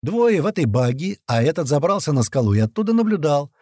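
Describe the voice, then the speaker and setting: A man narrating a first-person action audiobook, acting out the crew's shouted lines as he reads. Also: a little high, fast talker, no echo, clean studio sound. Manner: lively, voices the gang's shouts in character.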